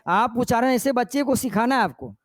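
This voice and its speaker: An older male teacher giving an exam-prep lecture. He often checks that the class understands and dictates notes slowly. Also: very high voice, lively intonation, dry recording, clean studio sound. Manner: checks understanding with repeated questions; demonstrates slow, paused recitation.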